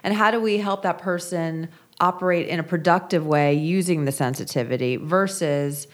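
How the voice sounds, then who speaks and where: A woman's voice: on the low side, normal speed. A woman author talking through her ideas in an interview, earnest and reflective. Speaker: author and guest. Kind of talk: conversational interview.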